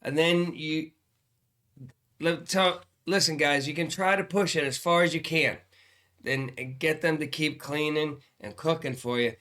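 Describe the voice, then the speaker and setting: An older man plays the grumpy old man as he hands out casual, comic advice. His voice is fairly high for a man, with a bright, forceful edge. He is blunt and mock-stern. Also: unhurried. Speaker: podcast host giving advice as a grumpy grandpa. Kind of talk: casual comedic advice chat.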